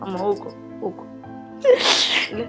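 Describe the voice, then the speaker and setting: A woman's voice: slow, mellow, faint music behind, close to an everyday voice. An actress playing a young pregnant daughter, soothing and reassuring her grieving parents.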